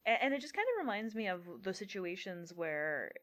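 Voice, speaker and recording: A young woman chats casually as a podcast co-host, breaking into laughter often as she talks. Her voice sits at a middle pitch for a woman, neither high nor low. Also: expressive, a little fast, fairly bright tone. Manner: laughs often while talking. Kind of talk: casual book discussion.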